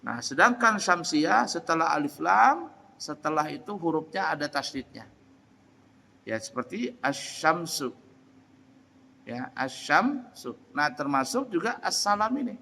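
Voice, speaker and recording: Male religious teacher, slow deliberate delivery, bright slightly high voice, long hall echo. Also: animated, creaky, a little hiss or hum. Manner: slow, repeats example phrases, asks students if they understand. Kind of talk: classroom lesson on recitation. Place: large echoing hall at an Islamic boarding school.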